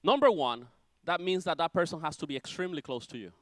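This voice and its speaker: Dramatic high-voiced male preacher. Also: animated, quick pace, no room sound. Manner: dramatic, swings from loud declarations to near-whispers. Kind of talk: sermon.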